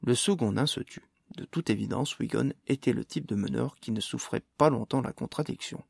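A man narrating a fantasy audiobook with a steady, expressive reading. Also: mid-range voice, a little fast, vocal fry, breathy edge, no echo, clean studio sound.

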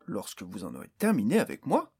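A man reading an audiobook voices a young male hero who answers an enemy with calm, mocking confidence. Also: medium pitch, normal speed. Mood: defiant.

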